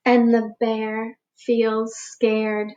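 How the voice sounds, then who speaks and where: A woman teacher reading a picture book aloud to young children, slow and expressive, giving the animals little voices. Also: fairly high pitch, dull audio, a little hiss or hum. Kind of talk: read-aloud storytime for children.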